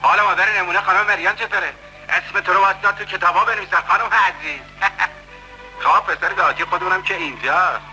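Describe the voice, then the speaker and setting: A blustering bully of a husband. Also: male voice, sits high, sharp tone, faint music behind, rough recording. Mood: mocking. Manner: blustering, mocking, threatening. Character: swaggering bullying middle-aged male café loafer. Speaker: dub actor. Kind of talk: dubbed film acting.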